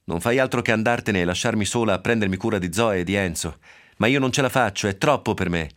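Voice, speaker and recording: A man's voice: fairly low pitch, fast, a bit bright, lightly acted. A man reading aloud, voicing a distraught young mother who pleads in a raised, strained voice. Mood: desperate.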